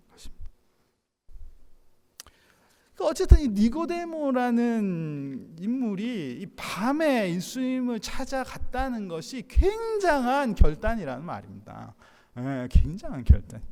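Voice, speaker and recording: Man, pastor: chatty sermon with fillers, warm gravelly tone, long church reverb. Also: medium pitch. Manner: conversational preaching with fillers and laughs. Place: church sanctuary.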